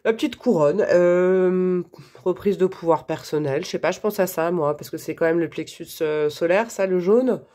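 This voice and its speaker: A woman's voice: lowish voice, normal speed, dark tone. A woman reading tarot for her viewers in a chatty, casual way, with many fillers and frequent laughs. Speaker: tarot reader.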